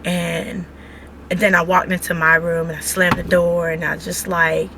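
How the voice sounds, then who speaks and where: A woman vlogging from a car, telling a story in an animated, chatty way with lots of fillers. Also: lowish voice, normal speed, background noise. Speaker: vlogger, mother. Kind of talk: casual storytelling.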